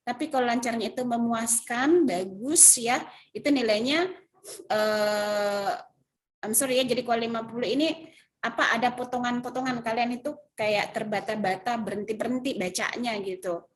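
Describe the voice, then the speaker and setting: A woman's voice: on the high side, moderate pace. A woman English teacher patiently explaining an assignment and its grading step by step, with many fillers and self-corrections. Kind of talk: recorded online class explanation.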